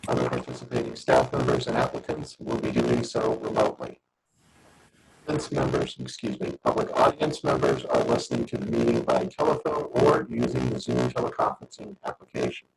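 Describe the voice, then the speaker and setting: A man's voice: a bass voice, wildly swooping pitch, fairly quick, gravelly, heavy background noise. Man's voice breaking up over a stuttering call. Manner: formal, procedural. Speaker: commission chair. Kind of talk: chairing a virtual public meeting. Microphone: video call.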